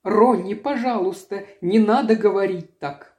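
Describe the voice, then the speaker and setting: A man voicing a gentle young woman who earnestly defends herself against an accusation. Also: sits high, unhurried, voice pushed up. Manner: earnest, pleading.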